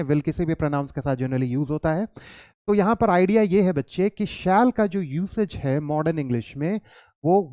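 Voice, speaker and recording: A man's voice: a little high, dark tone, smooth, no room sound, clean studio sound. Wala male English teacher. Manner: mixes Hindi and English, reads English lines slowly; addresses students as children, asks and answers his own questions. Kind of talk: classroom grammar lesson.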